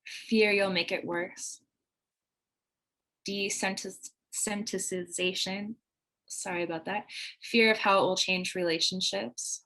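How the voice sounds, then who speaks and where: A woman's voice: medium pitch, steady tone, takes it slowly, bright, forceful tone, rough recording. A woman facilitating a live online training over a video call, earnest and loose, with many "like"s and "um"s. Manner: earnest, heavy use of "like" and "um". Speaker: workshop facilitator.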